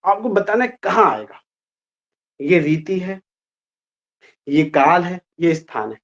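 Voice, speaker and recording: A man teaching a grammar lesson to a class in a lively, playful way, often asking the students questions. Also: takes it slowly. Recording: muffled low-fidelity sound.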